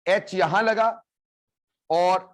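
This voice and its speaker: Male chemistry teacher, mixed in, high voice, unhurried classroom delivery that checks understanding. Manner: explains step by step, asks the class "clear?" and repeats key terms; calls students "beta" and "bhai". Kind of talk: classroom lecture mixing Hindi and English.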